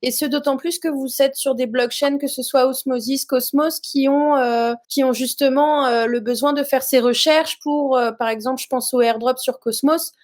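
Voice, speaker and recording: High-voiced woman asking winding questions. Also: fairly even intonation, moderate pace, few pauses. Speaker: interview host. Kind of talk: casual interview chat.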